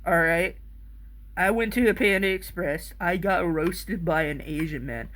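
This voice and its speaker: A man telling a rambling personal anecdote in a casual, excitable way, swearing freely as he goes. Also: high voice, unhurried. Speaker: storyteller.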